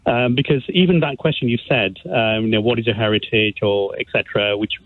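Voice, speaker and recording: A man from Bangladesh calling in to a radio show, speaking hesitantly with many pauses and restarts. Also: fairly low pitch, fairly even intonation, no room sound. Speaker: caller. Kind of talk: radio phone-in call. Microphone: phone. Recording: tinny phone line.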